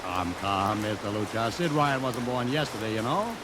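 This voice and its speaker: Playing a brash, deal-making publicity promoter in an old radio drama, this actor talks in a salesman's patter, 1940s-style. He has a lowish, animated voice at normal speed, and the acting is light. Loud hiss and rain come through on the aged recording.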